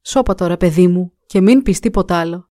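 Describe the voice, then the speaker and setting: A woman's voice: sits low, lively intonation, a little mellow, dry recording, studio quality. A woman reading a folk tale aloud and voicing a stern older king who talks in a commanding, reproachful way. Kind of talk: storybook reading.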